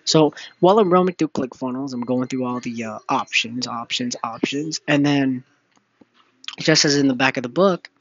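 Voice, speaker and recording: A man's voice: medium pitch, normal speed, fairly bright tone, dull audio. A young man hosting a casual solo podcast, rambling with many fillers and restarts. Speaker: podcast host.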